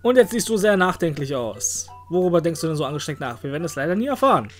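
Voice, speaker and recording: A man with a fairly high voice comments on a life-simulation game in a playful, teasing way, chatting with the characters on screen. Now and then he breaks into exaggerated cries. Soft game music plays in the background. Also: big pitch swings, fast talker. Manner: jokey, talks to the game characters, puts on silly exclamations. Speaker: let's-play host.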